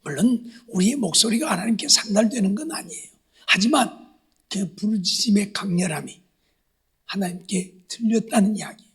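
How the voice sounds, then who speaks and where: A man preaching a sermon at a Friday prayer meeting, acting out the voices he quotes and swinging from hushed asides to loud exhortation. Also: sits high, expressive, moderate pace, breathy edge. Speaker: pastor. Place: church sanctuary.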